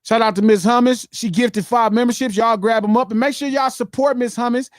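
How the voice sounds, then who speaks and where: A man in his fifties hosting a casual live-stream podcast, reading out viewer shout-outs with animated banter. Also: very high-pitched, a little fast, dry recording, studio quality. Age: 50s. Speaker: podcast host reading donations.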